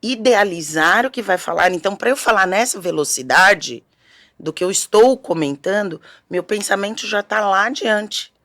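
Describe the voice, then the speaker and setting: A woman's voice: mid-range voice, lively intonation, normal speed, a bit bright. A woman speech therapist from Brazil, explaining as an interview guest in a didactic, step-by-step way.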